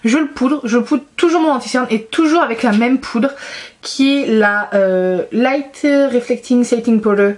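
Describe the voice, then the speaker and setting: A woman's voice: fairly high pitch, unhurried, a little mellow. A young woman chatting enthusiastically in a casual beauty product review, with frequent fillers. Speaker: beauty vlogger.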